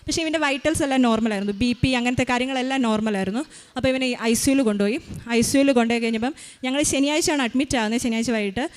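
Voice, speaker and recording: A woman's voice: high voice, rapid-fire. A mother giving an emotional personal faith testimony, retelling events tensely with many restarts.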